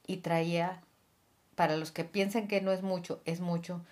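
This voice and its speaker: A woman, a podcast guest telling a personal story in a lively, laughing way. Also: fairly low pitch, normal speed. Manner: lively, laughing, acts out voices in her story.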